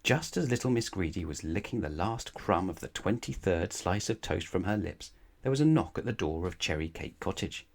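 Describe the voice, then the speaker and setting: With a low, creaky, animated voice, a male storybook reader performs a bedtime tale for a young listener. He stays playful and emphatic, stretching out key words and posing rhetorical questions to the child.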